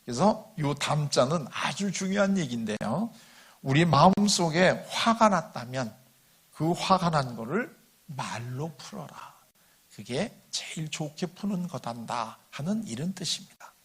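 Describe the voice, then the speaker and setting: Husky older man giving a church talk. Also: a little high, lively intonation, measured pace. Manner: questions the audience and chuckles along. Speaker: guest lecturer at a church meeting. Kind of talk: conversational church lecture.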